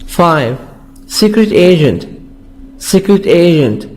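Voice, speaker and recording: Arabic-speaking male English teacher, slow, higher voice, repeats each word for drilling. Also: very animated, a little mellow. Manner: repeats words slowly to drill pronunciation. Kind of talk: vocabulary lesson explanation.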